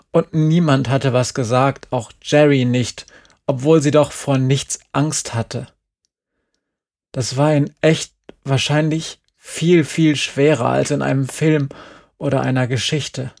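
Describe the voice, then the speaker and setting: A man reading a novel aloud in calm, subdued narration. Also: mid-range voice, vocal fry. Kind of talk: scripted audiobook narration.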